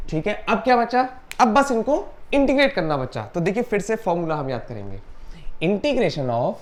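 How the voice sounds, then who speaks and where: A woman teaching a maths lesson step by step. She explains patiently, mixes English maths terms into her sentences and reads formulas aloud slowly, word by word. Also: medium pitch.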